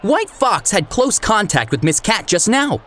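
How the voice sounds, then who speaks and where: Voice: medium pitch, sing-song, unhurried, a bit bright. An actor voicing a confident male dog sheriff who explains and gives orders. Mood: urgent. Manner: commanding, explaining.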